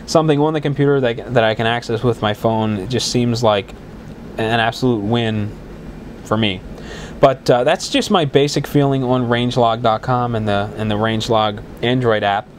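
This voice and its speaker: A man at medium pitch hosts his own podcast casually, rambling along with frequent restarts and fillers. He's congested from a cold and his voice is a bit worn, with a little hiss or hum in the recording.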